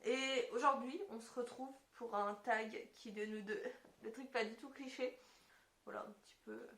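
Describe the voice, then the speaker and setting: A woman co-hosting a casual chat, talking loosely with many fillers and pauses. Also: on the high side, steady tone, vocal fry, a bit bright. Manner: chatty, heavy on fillers like "donc, euh, du coup". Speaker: co-host. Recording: roomy echoey sound.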